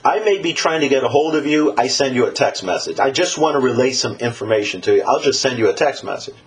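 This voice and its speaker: A man preaching a sermon to his congregation, in an animated and emphatic style. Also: fast talker. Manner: animated, emphatic preaching with lively pitch swings.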